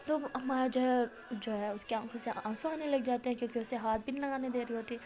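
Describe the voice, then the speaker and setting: A woman's voice: fairly high pitch, a little mellow, soft background music. A woman telling a romance story in a casual, chatty way, full of fillers. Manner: chatty, filler-heavy narration. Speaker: storyteller, channel host.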